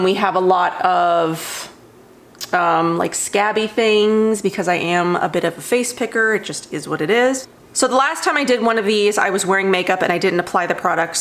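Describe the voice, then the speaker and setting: A woman's voice: on the low side, a bit bright. A young woman chatting casually to camera as a beauty vlogger at home, rambling with many fillers. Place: home room with cats.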